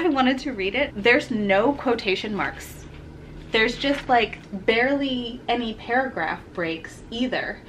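In poor audio with a little hiss or hum, a young book vlogger talks openly from a room at home about the books she's getting rid of. Her mid-range voice is a bit bright, and she seems slightly stuffed up, her throat a touch sore.

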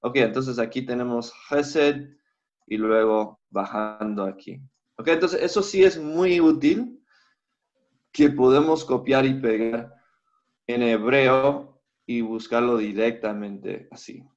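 A man teaching a live Hebrew class online, walking students through software on a shared screen and thinking aloud as he goes. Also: mid-range voice. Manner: unhurried, thinks aloud with fillers. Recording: slightly dull lo-fi audio.

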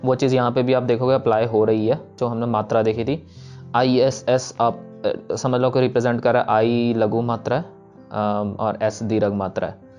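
A man's voice: mid-range voice, level tone, a little mellow, soft background music. Man patiently teaching verse recitation. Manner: patient, repeats verses slowly syllable by syllable. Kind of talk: step-by-step pronunciation lesson, slow chanted examples.

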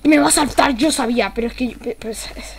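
Speaking fast with a breathy edge, a young Argentine woman streams live gameplay commentary in Argentine Spanish. She's excitable and swears casually, lurching between low mutters and sudden yells.

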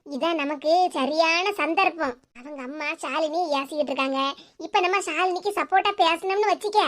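A woman with a Tirunelveli Tamil accent voicing a scheming, bossy grown daughter in a cartoon, in a low, hushed, conspiratorial voice. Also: fairly quick.

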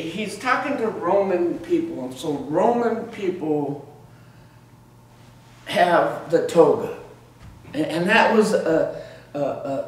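A man's voice: on the high side, darkish tone. A middle-aged man preaching a sermon in a small church, emphatic, with frequent repeated words and restarts. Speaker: pastor. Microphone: far room camera. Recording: echoey church room from far off.

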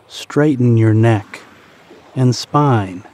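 Speaking at a medium pitch with a darkish tone, this man narrates a guided meditation. He is calm and deliberate, leaving pauses between his short phrases.

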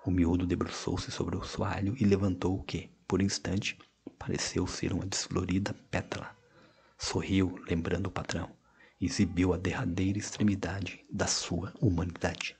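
A man narrating an audiobook of short stories in a measured, expressive reading with hushed passages. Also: low-pitched, gravelly. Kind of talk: scripted narration.

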